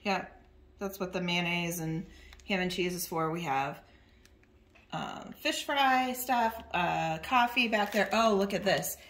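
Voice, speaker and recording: A woman co-hosting a channel chats casually through a grocery haul in her home kitchen, dropping plenty of "um"s as she lists what she bought. Her voice sits on the low side, with a measured pace and a fairly bright tone.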